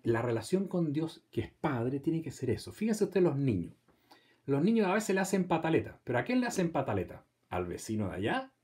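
A man's voice: medium pitch, warm tone. A middle-aged Chilean man teaching a parish theology class in a conversational way, asking his listeners questions and acting out replies. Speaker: theology lecturer.

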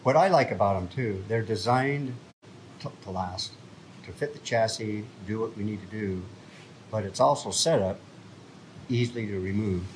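A man's voice: fairly low pitch, normal speed, a little hiss or hum, poor audio. A man who works in a cabinet shop, giving short, plain answers in a casual interview inside the workshop.

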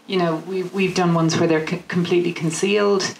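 A woman's voice: fairly low pitch, steady tone, fairly quick, vocal fry. A woman in her thirties with an Irish accent, giving a practical design talk into a handheld microphone in a kitchen showroom, with many "you know" fillers. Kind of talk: presentation to a live audience. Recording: roomy showroom with faint noise.

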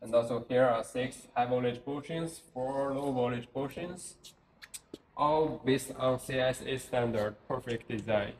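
A young man presents a product demonstration as a company representative. His voice sits at a middle pitch, recorded in a large echoey hall with faint noise around him. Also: fairly even intonation, measured pace. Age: young adult. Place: large industrial hall, indoors. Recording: echoey factory with background noise.

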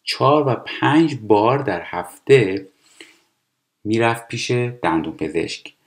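A man teaching English, explaining TV dialogue line by line and reading English phrases slowly and carefully. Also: mid-range voice, animated. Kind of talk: language lesson explaining TV dialogue.

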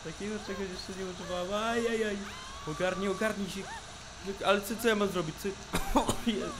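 Jokey young man yelling at a game. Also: sits high, steady tone, brisk, noisy background. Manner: jokey, swears a lot, yells at the screen in tense moments. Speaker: let's play gamer. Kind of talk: casual let's play commentary.

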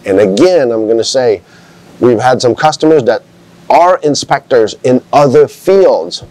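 An RV inspector, a man with a middle-pitched voice, drives his points home in a casual vlog. He sounds emphatic and a little like he is lecturing. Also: mellow, dry recording, low-quality recording. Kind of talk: casual chat to camera.

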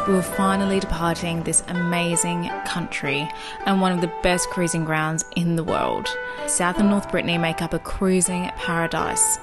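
A young woman reading a scripted voice-over for a sailing travel vlog in a smooth, descriptive way. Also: fairly low pitch. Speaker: sailing vlogger, narrator. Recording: voice-over with music underneath.

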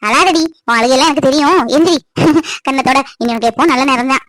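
A woman's voice: high voice, fairly quick, a bit bright, dry recording, pitched below the performer's own voice. A woman voicing a stern but loving mother in a cartoon, scolding her daughter sharply before giving her blessing. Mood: forgiving. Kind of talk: cartoon voice acting.

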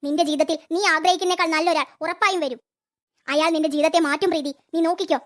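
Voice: very high-pitched, steady tone, very fast, fairly bright tone. A performer voicing a caring young woman comforting her friend in a cartoon. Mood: consoling. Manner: consoling, earnest.

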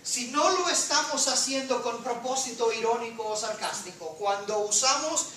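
A woman's voice: fairly high pitch, moderate pace, a bit bright, slight background noise. A woman teacher lecturing a class and quizzing students, often asking "right?". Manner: questioning, switches into English, reads aloud. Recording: echoey classroom from far off.

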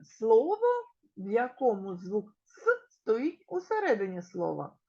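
A woman kindergarten teacher with a Ukrainian accent gives a slow, clearly articulated literacy lesson, stretching out key words and asking the children questions. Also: mid-range voice, darkish tone, lo-fi sound. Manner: addresses children directly and asks them questions. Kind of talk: recorded preschool literacy lesson.

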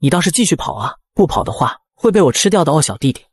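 A man's voice: a little high, sing-song, fast, breathy edge, no echo. A man voicing a coy, taunting young female ghost who teases her prey in a comic storybook tale. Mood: teasing. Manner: coy, taunting, playfully menacing.

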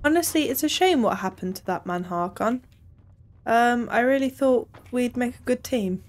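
Here a young adult game streamer talks at a moderate pace with a fairly high, lively voice, mixing playfulness and deadpan grumbling. She's indoors in a small home room, close to a desk mic with a headset on, and game music plays behind her.

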